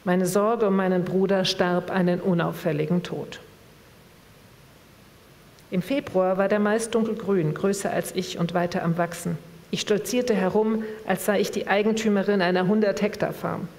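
A woman reading from a novel in a measured, expressive way, then asking an author a question at a public reading event. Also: mid-range voice. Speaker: reader and moderator. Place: event hall. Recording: long reverb of a hall.

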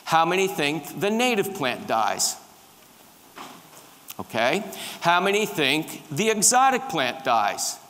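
In a large, dark conference hall with a stage, a middle-aged man lectures on tree pests using slides and quizzes the audience along the way. His slightly high, somewhat bright voice is very animated yet unhurried, and the hall is reverberant.

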